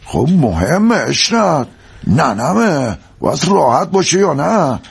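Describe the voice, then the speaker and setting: A proud gravelly husband. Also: male voice, fairly high pitch, full character voice. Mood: jovial. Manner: teasing, boastful, lively. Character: proud traditional middle-aged husband shopkeeper.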